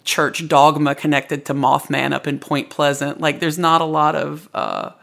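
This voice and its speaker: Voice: medium pitch, lively intonation, normal speed, creaky, fairly bright tone. A storyteller being interviewed, explaining folklore in a casual, reflective, conversational way. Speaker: storyteller and author interviewed as a guest.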